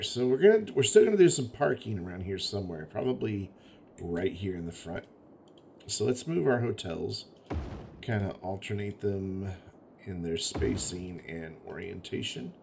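A man's voice: sits low, very animated, measured pace, vocal fry, darkish tone, slight background noise. A man giving casual, chatty commentary while playing a city-building game, thinking aloud and grumbling at the game now and then. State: has the hiccups. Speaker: gaming video host.

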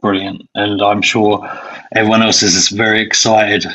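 A man hosting an interview podcast, fast-talking and enthusiastic, often repeating words as he goes. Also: on the low side, little pitch movement, bright, forceful tone. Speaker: podcast host. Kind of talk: interview conversation. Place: remote call. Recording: muffled lo-fi sound.

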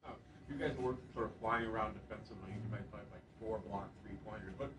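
A man's voice: on the low side, fairly even intonation, fast, roomy sound, recorded from a distance, background noise. Man, reporter asking loose, casual questions, picked up from across the room. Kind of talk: press conference questions. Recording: voice from off the mic.

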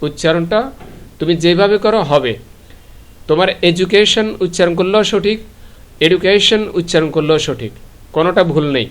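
A Bangladeshi man with a fairly high voice teaches a live online grammar class. He poses a question, waits a beat and answers it himself, spelling words out letter by letter as he goes. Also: animated, fairly quick, long pauses.

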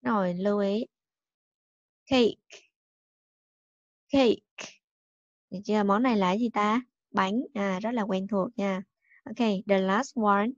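A woman teacher giving a recorded bilingual English lesson to young children. She stresses and repeats each English word clearly. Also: mid-range voice, fairly even intonation, normal speed, dry recording, dull audio. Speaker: primary school English teacher.

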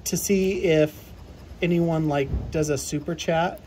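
A woman's voice: low voice, fairly even intonation, a little slow, mellow. A woman hosting a casual group chat on camera, chatty and playful, often giggling. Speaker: lottery scratcher channel host. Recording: faint background noise.

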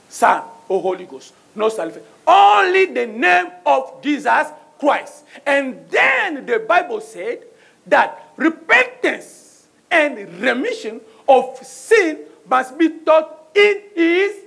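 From the pulpit of a church sanctuary, a middle-aged, French-accented guest preacher speaks slowly and very animatedly into a handheld mic. His voice is extremely high, a bit bright, with vocal fry. He preaches in call-and-response, asking the congregation "Amen?"

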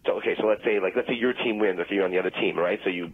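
A man's voice: fairly low pitch, rapid-fire, slight background noise. A man on the phone rambling insistently through a long explanation, getting flustered when he is not being listened to. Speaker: phone-in guest. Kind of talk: comedic phone conversation. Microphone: telephone. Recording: tinny phone line with faint music.

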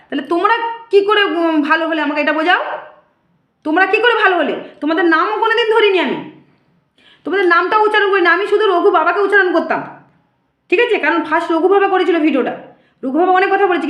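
A woman's voice: very high-pitched, fairly bright tone. A woman, speaking to camera as a vlogger and defending herself against critics in an aggrieved, lecturing way, recorded on a phone in an echoey room. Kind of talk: direct-to-camera rant.

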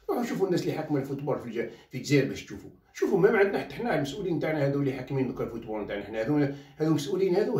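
A man's voice: on the high side, darkish tone. A man from Khenchela with an Algerian Arabic accent, a journalist giving a heated rant that slips into French phrases. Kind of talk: ranting commentary. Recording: roomy echo, mic set at a distance.

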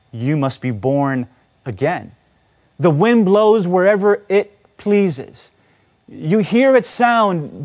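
A man preaching a sermon in church, reading scripture aloud and stressing repeated words with emphasis. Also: fairly high pitch. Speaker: pastor.

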